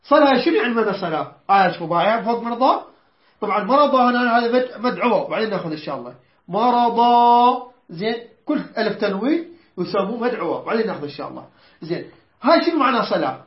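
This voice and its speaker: In a tajweed lesson, a man with a very high, sing-song voice teaches Quran recitation rules to students. He quizzes them, corrects their pronunciation of each word and recites verses slowly with stretched sounds, and the recording is roomy and somewhat dull.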